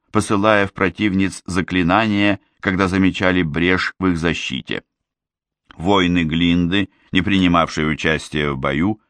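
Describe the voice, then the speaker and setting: Male narrator, very low voice, measured read of a fantasy novel, dry close studio sound. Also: dry recording. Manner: steady, measured storytelling. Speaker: audiobook reader. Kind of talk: scripted narration.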